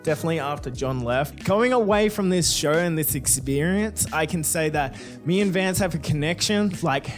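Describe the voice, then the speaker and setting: A man's voice: on the high side, animated, normal speed, soft background music. A young man, answering fan questions in a casual, crude, joking way with plenty of swearing.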